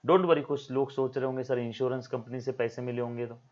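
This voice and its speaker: A man's voice: mid-range voice, little pitch movement, brisk, a little mellow, lo-fi sound. A male accounting teacher giving a recorded lecture. He explains by repeating key terms, asks rhetorical questions and talks to his students as to his own children.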